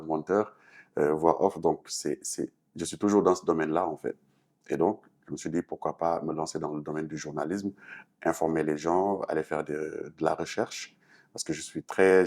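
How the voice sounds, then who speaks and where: On a talk show, a Senegalese artist-activist responds to interview questions in French-speaking West African style, earnestly explaining with a Senegalese accent. His voice is extremely low-pitched and darkish in tone.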